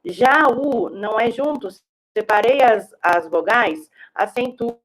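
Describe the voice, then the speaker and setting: Lady teacher going over a lesson, slow and patient, kinda high voice. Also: rough recording. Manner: slow, patient explaining, checks in with "tá?". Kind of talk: remote classroom lesson.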